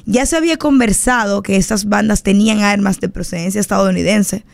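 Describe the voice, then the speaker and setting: A Dominican woman politician, a guest on a radio talk show, speaking in a lively way and repeating herself for emphasis. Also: mid-range voice, a little fast, creaky, no echo. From Dominican Republic. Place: radio studio booth.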